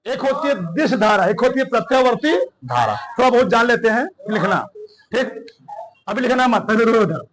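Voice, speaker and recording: A male teacher giving a classroom lesson, dictating slowly and repeating phrases while asking the class questions. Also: extremely high pitch, animated, a bit bright, slight background noise, rough recording.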